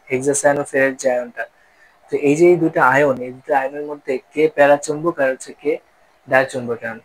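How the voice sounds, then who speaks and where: A man's voice: mid-range voice, rough recording. A man teaches a chemistry lesson step by step, posing questions and then answering them himself. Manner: explaining step by step, asks and answers own questions. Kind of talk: classroom-style lesson.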